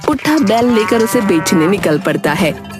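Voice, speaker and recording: A woman narrates a cartoon story in a plain, steady tone. Music plays clearly beneath her voice. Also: mid-range voice, normal speed. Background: background music.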